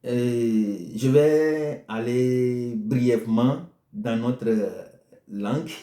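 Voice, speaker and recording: A preacher whose first language is Ewe gives a sermon in a mid-range, dark voice with fairly even intonation. He speaks slowly and emphatically, repeating phrases, and the room is echoey.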